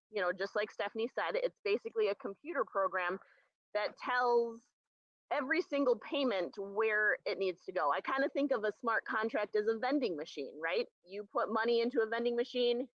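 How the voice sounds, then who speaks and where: A woman's voice: medium pitch, no echo. A middle-aged woman presenting as a guest on a live online call, explaining in a conversational way with frequent ums and restarts, heard over a poor internet connection. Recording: muffled lo-fi online call audio.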